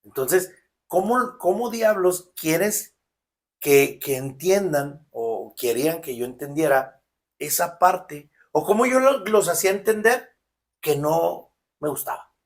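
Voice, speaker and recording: A man's voice: lively intonation, slow. A man with a Mexican accent telling a personal story in a casual podcast conversation, emphatic and full of slang. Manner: emphatic storytelling, slangy, drops pitch for asides. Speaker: podcast co-host.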